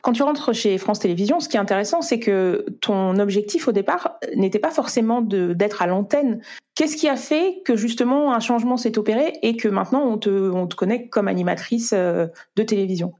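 A woman's voice: medium pitch, fairly quick, warm tone. A woman hosting a podcast, introducing her guest and asking open, friendly questions. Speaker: podcast host.

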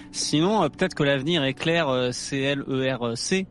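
A man's voice: medium pitch, unhurried, faint music behind. A man playing a tabletop role-playing game, hesitant and full of fillers, laughing easily. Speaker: player. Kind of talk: casual play chat.

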